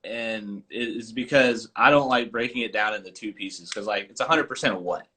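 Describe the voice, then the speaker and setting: A man, a golf coach and podcast host, telling stories in an animated casual chat over a live video call. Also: on the low side, moderate pace, slight background noise. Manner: animated, chatty storyteller.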